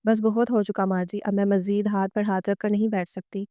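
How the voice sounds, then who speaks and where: Woman voicing a reserved young bride, polite, earnest, mellow and dry. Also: medium pitch, flat delivery, fairly quick, no room sound, close to an everyday voice.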